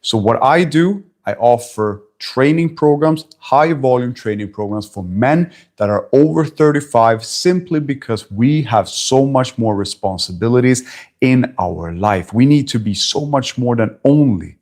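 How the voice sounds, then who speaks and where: A man's voice: medium pitch, animated, unhurried, a little mellow. Blunt forty-something Swedish man. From Sweden. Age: 40s. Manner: blunt, emphatic, swears casually. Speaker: personal trainer. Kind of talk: talking-head fitness vlog. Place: friend's house indoors.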